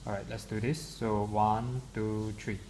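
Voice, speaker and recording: A software demonstrator with a fairly low, slightly mellow voice gives an unscripted product demo in a level, unhurried tone. His delivery is hesitant and stop-and-start, and the recording has clear room noise.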